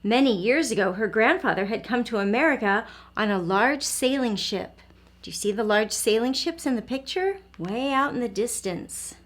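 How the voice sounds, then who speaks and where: A woman with a slightly high, expressive voice hosts an early learning lesson plus a storybook read-aloud. For her small audience she keeps her phrases simple and encouraging, asking questions and pausing for their answers.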